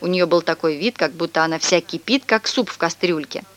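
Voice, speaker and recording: A woman narrating a children's story for an audiobook in a lively, expressive way. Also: lowish voice, brisk.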